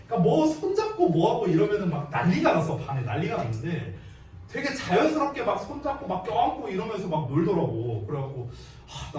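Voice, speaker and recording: A man's voice: on the high side, darkish tone, recorded from a distance, slight background noise. A man in his thirties teaching a class, telling anecdotes and quizzing his students in a chatty, joking way. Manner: chatty, jokey, asks students questions. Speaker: English teacher. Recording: echoey classroom, voice from afar.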